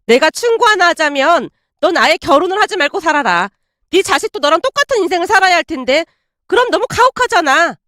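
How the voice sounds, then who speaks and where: A woman's voice: very high-pitched, expressive, brisk, fairly bright tone, dry recording, clean studio sound, voice pushed up. A woman voicing an arrogant, spoiled young woman who mocks and bosses an old classmate in a storybook drama. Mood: sneering. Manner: mocking, condescending, bossy.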